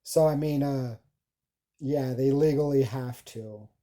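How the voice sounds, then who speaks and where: Halting, dark-voiced man vlogging. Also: mid-range voice. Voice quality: halting speech with many stumbles and restarts. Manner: rambling, heavy filler words. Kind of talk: casual self-recorded monologue.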